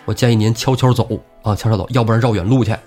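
A man's voice: lowish voice, fairly even intonation, very fast, dark tone, faint music behind, lightly acted. A man voicing a polite, cautious tavern waiter who gives a careful warning.

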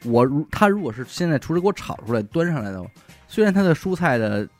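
Animated Beijing-accented man, casual and colloquial. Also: on the high side, fast, dry recording, soft background music. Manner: colloquial and sweary. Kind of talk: casual chat.

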